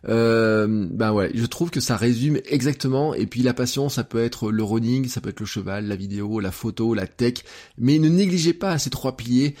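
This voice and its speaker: A man's voice: mid-range voice, moderate pace, darkish tone. French man chatting casually on his podcast. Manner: conversational, full of fillers, addresses listeners directly. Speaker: podcast host. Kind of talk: casual solo podcast monologue.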